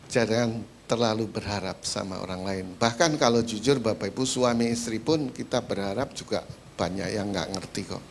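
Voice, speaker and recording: A man's voice: on the low side, moderate pace, gravelly, a little hiss or hum. A man preaching a sermon in a conversational way, speaking directly to the congregation with frequent filler words. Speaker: pastor.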